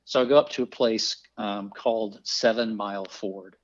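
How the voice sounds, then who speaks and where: A middle-aged man with a low-pitched voice spins an animated story, bursting into exclaimed voices for the people in it. The recording sounds dull and lo-fi. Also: normal speed. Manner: lively anecdotes with exclaimed quoted voices. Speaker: podcast guest, fly fisher.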